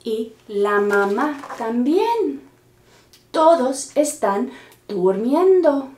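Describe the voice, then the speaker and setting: A woman librarian reading a picture book to young children during story time, talking slowly and gently and coaxing them to hush and count along. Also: fairly high pitch, big pitch swings, slight background noise. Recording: roomy echo.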